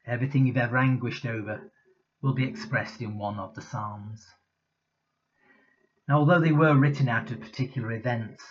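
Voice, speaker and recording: Guy giving a sunday talk at church, easy conversational preaching, kinda muffled recording. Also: medium pitch. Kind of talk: sermon. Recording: slightly dull lo-fi recording.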